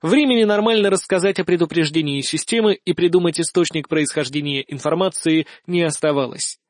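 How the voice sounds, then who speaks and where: A man narrating a first-person audiobook in a lively, ironic storytelling manner. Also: a little high, brisk, dry recording, clean studio sound.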